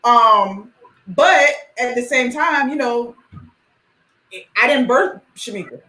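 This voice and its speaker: A woman's voice: a little high, animated, bright, forceful tone. Hesitant woman co-host in an echoey room. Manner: hesitant, measured, many fillers. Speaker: podcast co-host. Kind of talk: casual panel chat.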